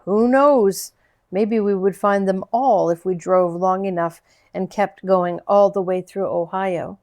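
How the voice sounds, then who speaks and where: Woman audiobook narrator, gentle and unhurried, mid-pitched, plain storytelling. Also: steady tone. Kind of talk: audiobook reading of a novel.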